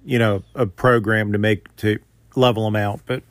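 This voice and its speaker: A man's voice: fairly low pitch, level tone, normal speed. A man speaking casually and informally as the host of a podcast, recorded on a phone.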